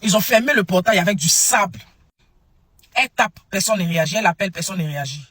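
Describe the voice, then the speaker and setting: A man's voice: high-pitched, lively intonation, fast talker, a bit bright, dry recording. A man retelling a religious testimony in a dramatic way, speaking straight to his listeners and acting out the people he quotes. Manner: dramatic, acts out quoted voices, addresses listeners directly.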